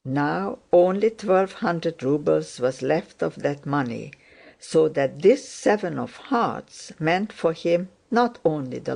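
Low-voiced woman reading an audiobook, slow and steady. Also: creaky. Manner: measured, unhurried reading. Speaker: audiobook narrator. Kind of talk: scripted narration.

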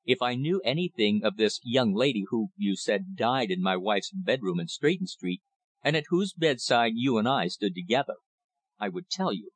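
A man's voice: mid-range voice, very animated, moderate pace, husky, no echo. A man voicing a dismissive, haughty wealthy man who brushes off every claim with condescension.

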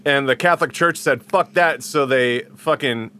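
A man's voice: mid-range voice, moderate pace, pushed and bright, slight background noise. A man hosting a podcast, talking loosely with laughs and casual swearing. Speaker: podcast host. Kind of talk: casual chat.

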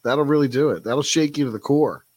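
A man's voice: mid-range voice, brisk, darkish tone, breathy edge, dry recording. A man hosting a live stream, reading out viewer comments and musing on them in a thoughtful, casual way. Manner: thoughtful, reflective, with frequent fillers. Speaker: livestream host.

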